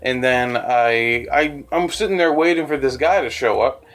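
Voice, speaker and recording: A man's voice: mid-range voice, normal speed. Rambling young man telling a story. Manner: rambling, self-deprecating, animated. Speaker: animator and storyteller. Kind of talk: casual storytime narration.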